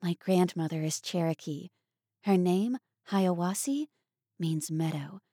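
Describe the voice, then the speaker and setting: A woman's voice: on the low side, dark tone, breathy edge, no echo, clean studio sound, voice pushed up. A woman playing an earnest, wistful young woman.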